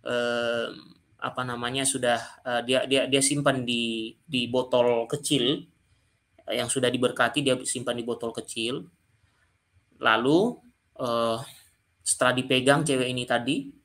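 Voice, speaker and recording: A man's voice: medium pitch, fairly bright tone. A man telling a personal story to his viewers as a channel commentator, often speaking directly to the audience. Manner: addresses listeners directly and often.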